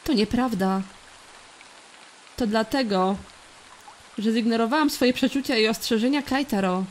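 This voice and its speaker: A woman's voice: fairly high pitch, measured pace, a little hiss or hum, close to an everyday voice. Woman voicing guilt-ridden teen girl Shiori. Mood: remorseful. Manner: soft dubbing read of game dialogue. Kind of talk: reading game dialogue aloud.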